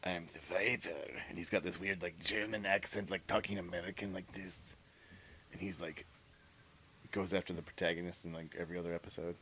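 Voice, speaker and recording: A man's voice: low-pitched, flat delivery, fairly quick, background noise. A man co-hosting a podcast in casual chat, swearing often and trading jokes with his friends. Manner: profane, joking banter. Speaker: podcast co-host.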